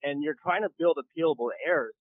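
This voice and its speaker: A man's voice: fairly high pitch, fast talker, dry recording. A man calling in to a radio show on his phone's speaker while driving, explaining his points earnestly and checking in with "okay?" as he goes. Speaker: caller. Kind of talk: call-in radio caller. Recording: tinny dry phone line.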